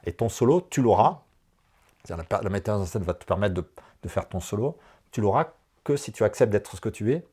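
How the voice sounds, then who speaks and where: A man coaching a woman through a personal session, animated and encouraging, talking in quick bursts. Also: lowish voice, breathy edge. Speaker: enneagram coach.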